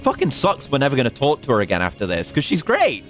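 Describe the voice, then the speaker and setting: A man's voice: medium pitch, wildly swooping pitch, quick pace, fairly bright tone, soft background music. A young man casually commentating a game stream with joking, sarcastic asides.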